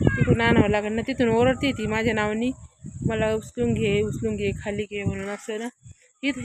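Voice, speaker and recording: A chatty young woman with a fairly high voice, talking to her viewers in a loose, easygoing vlog style and constantly telling them to look. She records on a phone outside in the countryside. Clear outdoor noise and the sound of animals run underneath her voice. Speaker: vlogger filming her daughter. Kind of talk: casual vlog narration to viewers. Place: outdoors in the countryside, partly sitting in a vehicle. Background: sheep and outdoor sounds.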